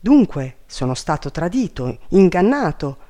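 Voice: medium pitch, big pitch swings, unhurried, warm tone. A reader voicing a proud, stubborn young king in a storybook reading, indignant and defiant. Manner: defiant, indignant, later mocking.

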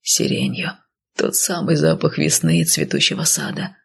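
A woman voicing a grim, emotionless undead northerner in an audiobook, speaking in a flat, grumbling way. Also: low voice, measured pace, vocal fry, slightly rough, voice pushed down, heavily acted. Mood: brooding. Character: cold lazy undead northern man, grim. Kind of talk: audiobook character voice.

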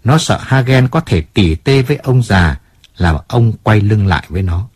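Husky man reading an audiobook. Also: on the low side, normal speed, dry recording. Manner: expressive storytelling. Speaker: audiobook reader. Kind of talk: audiobook narration.

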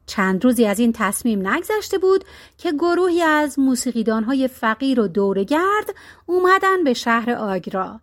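Woman narrator for a folk-tale audiobook; high voice, calm and measured. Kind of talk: storybook narration.

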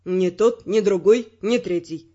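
A woman's voice: medium pitch, a little slow, dark tone, highs cut off, voice pushed down, close to an everyday voice. A woman voicing a wry, persistent young male secret agent who argues his point evenly. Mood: reasoning.

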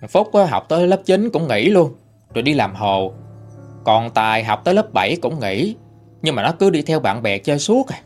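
A man's voice: medium pitch, big pitch swings, normal speed, soft background music. A man narrating listener stories in a conversational storytelling manner. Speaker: ghost story channel narrator. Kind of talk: reading listener-sent stories.

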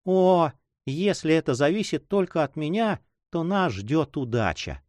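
A man's voice: on the high side, expressive, unhurried, a little mellow, dry recording, voice pushed up. A man reading aloud and voicing a young woman in love, anxious and devoted, in a pleading, fearful, tender manner.

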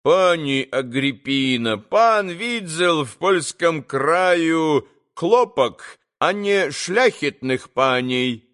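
Man doing a pompous Polish gentleman. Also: fairly high pitch, animated, heavily acted. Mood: haughty. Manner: pompous, slow and weighty. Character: haughty older Polish gentleman with a pipe.

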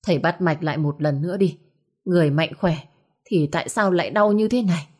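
A woman's voice: lowish voice, a little fast, husky. A woman voicing a stern, commanding older village patriarch who speaks curtly.

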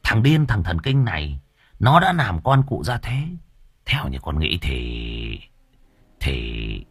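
A man voicing a scheming young male servant who speaks in a hushed, conspiratorial way. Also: deep voice, sing-song, slow pace, husky, no room sound, full character voice. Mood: sly hushed. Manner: whispering, conspiratorial.

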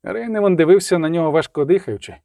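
A man narrating an audiobook in an expressive, dramatic reading style. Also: on the high side, quick pace, creaky, dry recording.

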